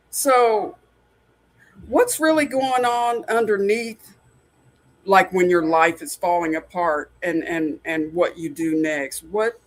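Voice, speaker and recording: Slow-talking earnest man in his sixties. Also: high voice. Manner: earnest, openly personal. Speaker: podcast host. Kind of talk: casual podcast conversation.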